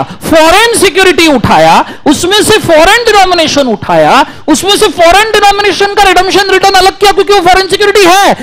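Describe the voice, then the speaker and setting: A high, animated male lecturer teaches a classroom. His voice swoops widely as he drills students and asks them to answer aloud. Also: slight background noise. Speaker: law lecturer.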